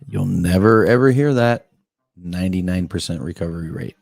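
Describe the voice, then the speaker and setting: A man's voice: deep voice, normal speed, gravelly, darkish tone, no room sound, clean studio sound. A man hosting a late-night call-in show, making scornful, sarcastic remarks over a news clip. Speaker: radio show host.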